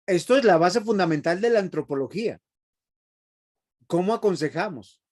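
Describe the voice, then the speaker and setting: Man, seminary teacher, emphatic lecture, rhetorical questions, slightly raised pitch. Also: lively intonation, normal speed, darkish tone. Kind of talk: bible class lecture.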